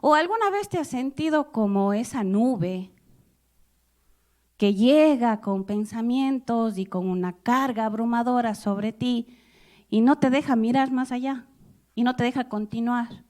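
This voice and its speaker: A woman preaching a sermon to a congregation, expressive and personal, asking her listeners questions and dramatizing the scriptures she reads. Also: on the high side, measured pace. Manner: expressive, acts out Bible quotes with loud outbursts.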